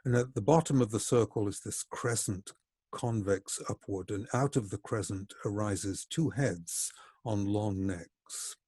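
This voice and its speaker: A man with a low voice gives a reflective lecture in a measured, explanatory way. His tone is husky and mellow. The sound is dry and close. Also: no room sound. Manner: measured and explanatory, slowing for emphasis.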